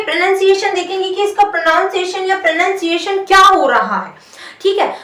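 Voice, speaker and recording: High, bright woman teaching in an echoey room. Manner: explains patiently, asks and answers her own questions; says "theek hai" after each point. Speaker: English teacher. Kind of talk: whiteboard grammar lesson. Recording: roomy echo from a distant mic.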